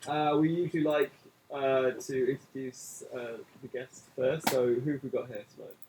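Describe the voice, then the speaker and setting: A man's voice: mid-range voice, normal speed, background noise. A man hosting a local radio music show, chatting casually with many hesitations. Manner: relaxed, hesitant with many fillers. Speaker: radio host.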